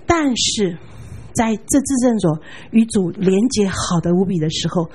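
Husky woman preaching with lively stories. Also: mid-range voice, normal speed. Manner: animated, often asks "you know?". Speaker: guest preacher. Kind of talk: sermon with lively storytelling.

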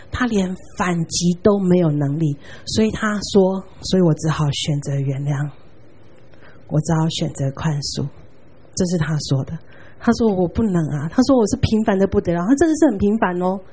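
A woman guest preacher giving a sermon, telling animated stories and often asking her listeners whether they follow. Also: on the low side, slight background noise. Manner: animated, often asks "you know?". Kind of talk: sermon with lively storytelling.

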